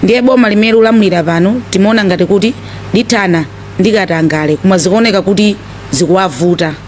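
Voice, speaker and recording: A man's voice: high voice, fast talker. A man with a Malawian accent making a political statement at a press briefing. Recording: noisy live recording with vehicle sounds.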